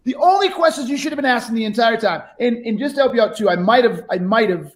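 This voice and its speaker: A man with a strikingly high voice works as a sales coach, critiquing live and unscripted. He is blunt and emphatic, lectures with rhetorical questions and swears freely. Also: animated, fast.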